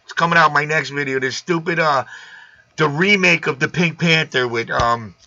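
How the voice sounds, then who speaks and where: A man's voice: on the high side, moderate pace, vocal fry, pushed and bright, a little hiss or hum. A man hosting a live stream in casual chat, blunt and wisecracking. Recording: dull lo-fi sound.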